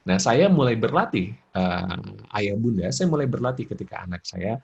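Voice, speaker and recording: Male parenting speaker, lively and expressive, slightly husky voice, dull-sounding recording. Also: lowish voice, moderate pace. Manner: expressive, laughs often, acts out examples.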